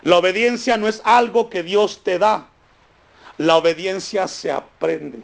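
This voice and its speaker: A male pastor preaching a sermon, repeating key lines for emphasis, dropping low and soft on them, then praying fervently over the congregation. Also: unhurried, vocal fry. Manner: raised, fervent pleading in prayer. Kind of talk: sermon with closing prayer. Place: church congregation.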